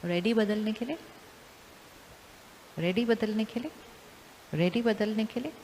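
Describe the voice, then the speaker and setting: Casting: woman, calm spiritual teacher, asks the audience questions again and again, long hall reverb, faint hiss. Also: on the high side, unhurried.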